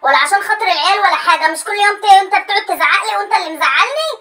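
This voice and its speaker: A woman's voice: very high-pitched, expressive, very fast, sharp tone, rough recording. A young woman with an Egyptian accent, complaining emphatically and repeating herself in a comic sketch. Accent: Egyptian Arabic. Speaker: comedy sketch creator. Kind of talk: comedic monologue with phone calls.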